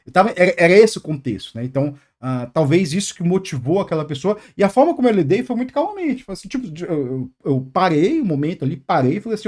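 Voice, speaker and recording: A Brazilian man hosting a casual advice chat, telling a work story in animated bursts, with many fillers and restarts. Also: high voice. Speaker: channel host.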